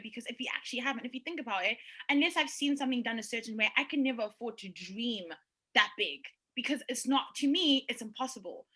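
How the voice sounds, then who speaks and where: A young woman co-hosting a podcast over a video call, talking in an animated, emphatic way and laughing easily. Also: on the high side, poor audio. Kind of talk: casual panel chat.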